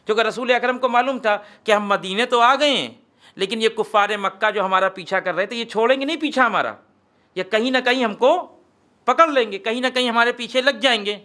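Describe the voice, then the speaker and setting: A man with an Indian Urdu accent preaching a lecture in a hall. His voice sits high and sounds bright and forceful. He builds rhetorical questions to emphatic peaks, then sinks low and quiet. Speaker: Shia cleric giving a majlis lecture.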